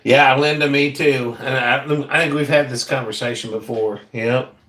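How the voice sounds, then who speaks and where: A man's voice: mid-range voice, steady tone, normal speed, fairly bright tone. A man with a mixed American accent lightly tinged with Southern country, chatting casually and easygoing as he co-hosts a live stream and reads out comments. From United States, lived in several regions. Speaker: live stream co-host reading viewer comments. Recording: roomy, echoey live stream.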